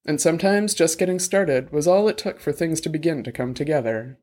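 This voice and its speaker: Male audiobook narrator, wry, steady, slightly high voice. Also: brisk.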